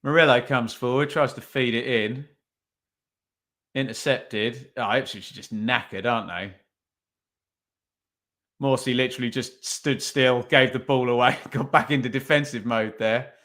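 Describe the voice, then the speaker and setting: A man's voice: medium pitch, steady tone, measured pace, long pauses, a bit bright. A man hosting a podcast, giving casual live watch-along commentary on a football match, chatty and thinking aloud with tag questions. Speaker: podcast host.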